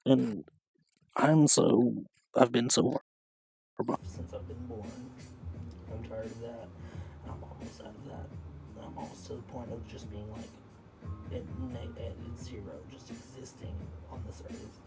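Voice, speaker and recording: A man talks casually into his live stream, drifting through a reflective, profane ramble packed with fillers. Loud music plays behind him the whole time. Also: mid-range voice, steady tone, a little slow, rough recording. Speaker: livestreamer.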